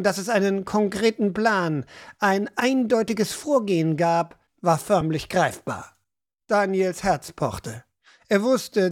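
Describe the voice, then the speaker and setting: A woman narrating a fantasy audiobook in a measured, expressive storytelling manner. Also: medium pitch. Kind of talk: scripted narration.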